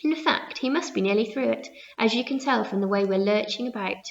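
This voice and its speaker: A woman voicing a kind, gentle female ladybird in a storybook reading. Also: fairly high pitch, a little fast, gravelly, highs cut off. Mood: reassuring. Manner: gentle, motherly.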